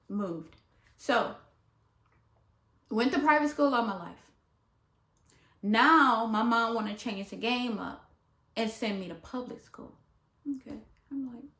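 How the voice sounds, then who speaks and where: A woman vlogger telling a story from her school days in a casual, animated way, jumping high in pitch when she quotes people. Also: roomy sound.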